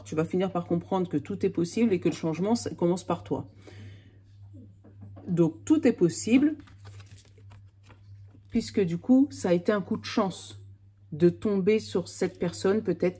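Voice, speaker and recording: Woman tarot reader, low and warm-toned, casual and reassuring, talks to the viewer. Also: breathy edge. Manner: chatty, reassuring, talks straight to the listener. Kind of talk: casual spoken card reading to viewers.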